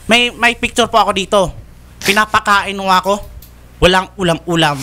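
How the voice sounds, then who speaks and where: A man's voice: high voice, moderate pace, sharp tone, slight background noise. A man giving earnest, insistent testimony as a witness, respectfully addressing the host. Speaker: witness, nephew.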